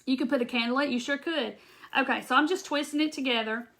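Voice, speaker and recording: Speaking fast in a high, fairly bright voice, this craft video host has a Southern accent. She chats directly with viewers during a live demonstration, answering comments as she goes, and her talk wanders with restarts and laughs.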